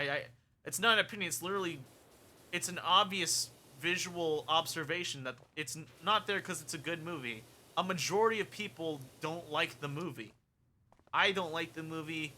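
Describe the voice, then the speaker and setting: Young man, very bright sharp tone, casual stream chatter, rambling and opinionated, faint background noise. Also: fairly high pitch.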